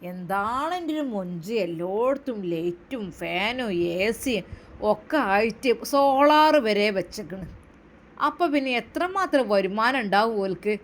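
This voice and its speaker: A woman plays a nosy, rambling middle-aged neighbor woman with a Malabar Malayalam accent, chattering on in a high voice. She talks in one long nosy stream, savoring every detail in a storybook tale. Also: animated, a little slow. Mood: marveling.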